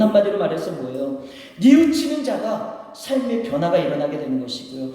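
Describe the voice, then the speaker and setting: High-voiced pastor preaching in an echoey hall. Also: male voice. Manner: preaching with big swings between shouts and hushed asides. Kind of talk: sermon. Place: church sanctuary. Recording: very echoey hall with long reverb.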